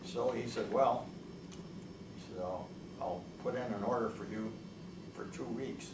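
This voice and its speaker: An older man, a veteran who spoke Italian at home in childhood, gives an oral history interview about his past, wandering and hesitating with many restarts. His voice is medium-pitched and a little slow, heard in a noisy, echoey room through a far-off mic.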